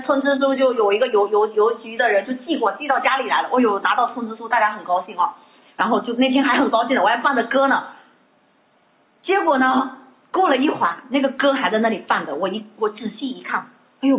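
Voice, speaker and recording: A woman in her thirties telling a personal faith testimony, with animated storytelling full of repetitions and exclamations. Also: a little high, narrow, tinny audio. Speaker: church member giving a testimony.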